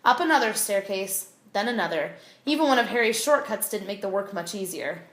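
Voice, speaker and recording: A woman reads a children's novel aloud with expressive, clear storytelling. Her voice sits at a middle pitch in an echoey room. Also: a little fast. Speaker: audiobook reader.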